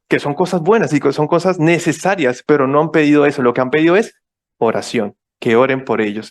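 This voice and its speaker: Guest speaker at a church service, a man of middle pitch, methodical and explanatory, often repeating himself for emphasis. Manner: explanatory, repeats key points, checks in with listeners. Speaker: visiting ministry speaker. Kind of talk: church presentation.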